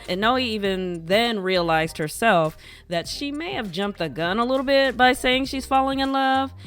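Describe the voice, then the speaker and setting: A woman hosting a reality TV recap show, narrating scripted gossip in a chatty, wry, opinionated way. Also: mid-range voice.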